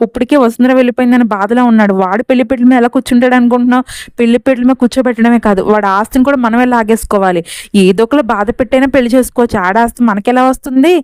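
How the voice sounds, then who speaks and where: A woman's voice: on the high side, darkish tone, clean tone, no echo, lightly acted. Woman voicing Meera, scheming villainess. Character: scheming villainous young woman plotting for wealth.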